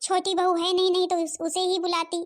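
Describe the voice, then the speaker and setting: A woman's voice: very high voice, monotone, brisk. A woman voicing a fretful, self-pitying old mother-in-law in a cartoon, complaining plaintively. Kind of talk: Hindi cartoon voice acting.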